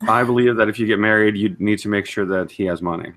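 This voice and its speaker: A man's voice: lowish voice, quick pace, a bit bright. A man chatting casually on a stream, dropping dry joking asides. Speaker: stream chat guest.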